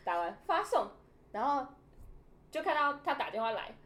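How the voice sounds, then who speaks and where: A woman's voice: high-pitched, moderate pace. A woman co-hosting a podcast, chatting casually and telling a funny story, laughing often and acting out the dialogue. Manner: animated, laughs often, acts out quoted dialogue. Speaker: podcast co-host.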